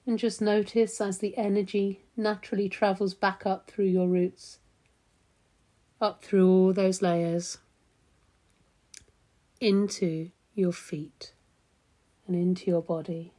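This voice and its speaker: Speaking at a medium pitch with a level tone, a woman guides a meditation in an unhurried, gentle, calming way, pausing at length between phrases.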